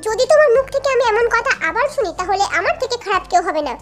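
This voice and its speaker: Scold hard as a protective young husband in a woman's reading voice, very high. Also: lively intonation, very fast, soft background music. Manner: scolding and bossy. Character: stern young male teacher and husband, jealous and protective.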